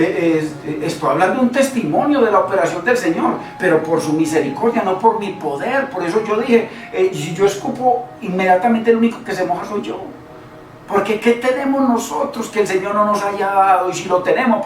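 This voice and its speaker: A man preaching a sermon in a conversational way, repeating words and putting rhetorical questions to the listeners. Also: high voice. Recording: echoey room, voice from far off, faint noise.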